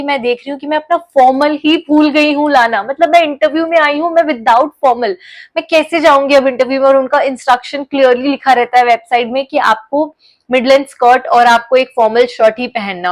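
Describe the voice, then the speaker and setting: A young woman vlogger telling a personal story in a casual, animated way, often mixing English phrases into her talk. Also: sits high. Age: young adult.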